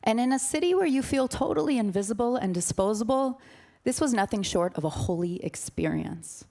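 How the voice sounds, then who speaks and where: A woman's voice: a little high, expressive, a little fast, dark tone. A woman in her thirties telling a personal story on stage in a dramatic, vivid way.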